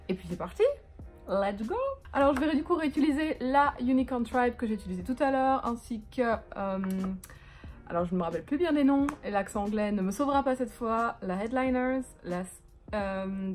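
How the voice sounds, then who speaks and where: A woman's voice: on the high side, a little mellow. Girl chatting thru her makeup on the couch, rambly and jokey, swears a bit, faint music behind. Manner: chatty, rambling, self-mocking, casual swearing. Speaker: beauty vlogger. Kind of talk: casual makeup tutorial chat. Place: living room at home, on a couch.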